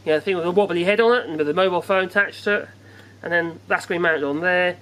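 A man's voice: high-pitched, very fast, a bit bright. A man, casually unboxing and chatting to camera outdoors in a rambling, jokey, self-deprecating way. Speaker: gadget reviewer. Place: outdoors in bright sun.

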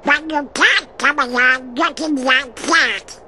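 A man voicing an excitable, bossy cartoon duck in a garbled, squawking quack. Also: extremely high pitch, slow, a little hiss or hum, exaggerated voice.

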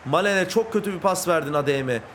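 A man with a high voice calls his football video game live, from a room at home late at night. He yells at and scolds his players when they mess up, then sinks into muttering. A faint background hiss sits under his voice. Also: fast. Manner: shouts and scolds players, swings between yelling and muttering. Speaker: gaming YouTuber.

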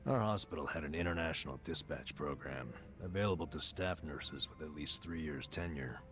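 Game drama role: burned-out middle-aged man, self-loathing, extremely low voice. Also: normal speed, music in the background. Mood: resigned, explaining. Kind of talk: English video game drama acting.

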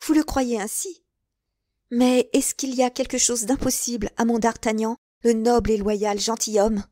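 A woman's voice: fairly high pitch, fairly even intonation, normal speed, mellow, dry recording, voice pushed up, natural voice. A woman reader voicing a young, lovestruck, trusting woman in an audiobook, with eager exclamations. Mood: tender.

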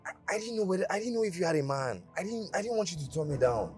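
A man's voice: high-pitched, sing-song, racing, darkish tone, faint music behind. A man with a Nigerian English accent playing an insistent suitor who pleads for a woman's attention in a film drama. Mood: pleading. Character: persistent male suitor Mister Dennis.

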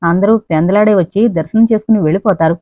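A woman voicing a polite, calm young man who speaks softly and teases gently, in an audiobook reading. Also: medium pitch, quick pace, no room sound, lightly acted. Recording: dry, narrow phone-like sound.

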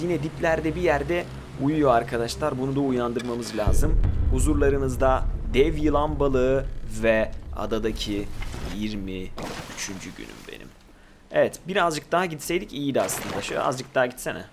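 A man's voice: mid-range voice, lively intonation, moderate pace, background noise. A man hosting casual gameplay commentary, chatting to his viewers and teasing the creatures in the game. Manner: chatty, talks to viewers and to the game creatures, swears when startled. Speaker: gaming video host.

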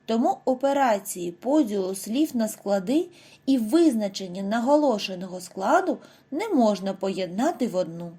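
A woman giving a scripted reading lesson to first graders, speaking clearly and stretching out example words slowly for the children. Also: medium pitch, expressive, warm tone. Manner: slow, over-articulated model words for children. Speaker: primary school teacher.

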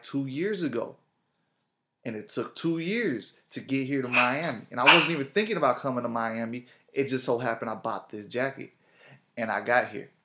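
A man's voice: medium pitch, fairly bright tone. A man giving a casual motivational talk to camera, slangy and repetitive in his phrasing. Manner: casual, repeats himself, slangy. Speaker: vlogger.

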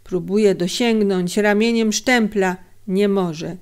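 A woman reads a story aloud at an unhurried pace, shaping each sentence dramatically. Her pitch sits in a middle range, and she takes her time between phrases. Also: clean tone. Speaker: audiobook narrator. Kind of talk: scripted narration.

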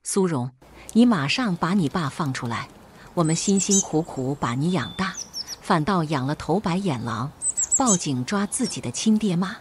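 A woman's voice: low-pitched, expressive, normal speed, slight background noise. A woman voicing a scheming middle-aged mother who shrieks and bullies. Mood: scolding. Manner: shrieking, bullying.

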